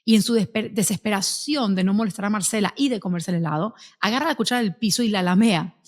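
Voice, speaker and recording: A woman hosting a casual interview, telling stories in an animated way. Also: mid-range voice, fast talker. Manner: animated storyteller. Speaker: host.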